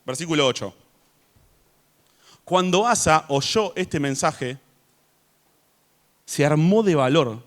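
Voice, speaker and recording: A man preaching a sermon in church, chatty in tone and rising to loud emphasis when he reads scripture. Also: on the high side, animated, takes it slowly, pauses often.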